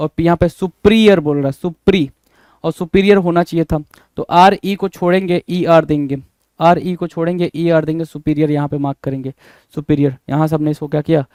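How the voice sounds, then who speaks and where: A male teacher runs an exam-prep spelling lesson with a somewhat high voice. He repeats every word and spells it out letter by letter in a friendly, drilling way. The sound is dry and close, with no room echo. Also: steady tone, normal speed, darkish tone, clear, resonant tone. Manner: repeats words and spells them out letter by letter, addresses viewers as "bhai". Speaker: English teacher.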